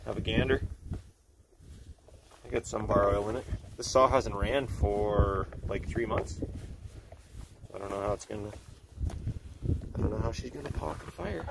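Out in a snowy yard, a forties-aged host walks through chainsaw upkeep in an easygoing, folksy way, musing aloud with fillers. His voice sits on the low side, unhurried and with long pauses, captured by a camera mic he drifts toward and away from, with clear outdoor background noise.

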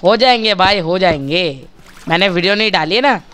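A man's voice: high-pitched, brisk, bright, forceful tone, smooth. A male gaming channel host giving chatty, casual commentary while he plays, talking straight to his viewers and bargaining with them for likes.

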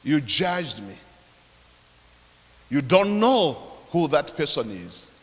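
A man voicing a stern divine male voice that slowly and quietly repeats a rebuke. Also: on the high side, big pitch swings, voice pushed down. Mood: stern, hushed. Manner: slow, hushed, repeated reproach. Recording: long hall reverb.

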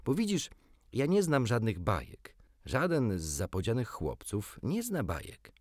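Guy doing an eager young boy from a storybook, high lively voice that jumps all over, dry close sound. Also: a little slow, no echo. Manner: lively, raised boyish voice. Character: boastful eager young boy, Peter Pan. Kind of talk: audiobook reading.

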